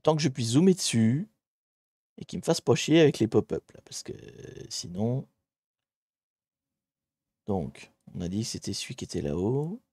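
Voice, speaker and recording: A man streaming live, chatting with his viewers as he hunts through online maps and grumbles at the software. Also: mid-range voice, expressive, moderate pace, pauses often, breathy edge, dry recording, studio quality. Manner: chatty, talks to chat while searching maps, mildly exasperated. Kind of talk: live-streamed geography puzzle commentary.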